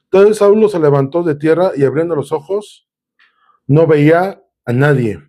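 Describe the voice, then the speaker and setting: A man's voice: fairly high pitch, moderate pace, highs cut off. A man preaching a sermon, reading Bible verses aloud and explaining them in a conversational way, with filler sounds and restarts. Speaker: pastor.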